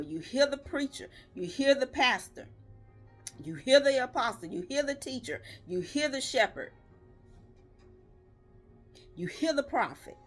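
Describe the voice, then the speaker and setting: A woman's voice: sits high, fairly bright tone. A woman delivering a devotional video sermon, earnest and emphatic, pressing her listener with repeated rhetorical questions and building rhythmic lists. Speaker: lay preacher.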